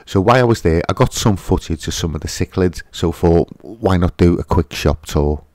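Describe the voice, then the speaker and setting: A man's voice: low-pitched, normal speed, darkish tone, no echo, studio quality. A man hosting a fishkeeping channel, giving a casual, hesitant voice-over with lots of fillers and restarts.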